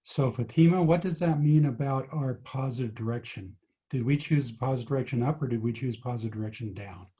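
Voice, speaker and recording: A man tutors physics over a video call, patiently explaining each step and quizzing his students during the online lesson. His mid-range voice is brisk and mellow.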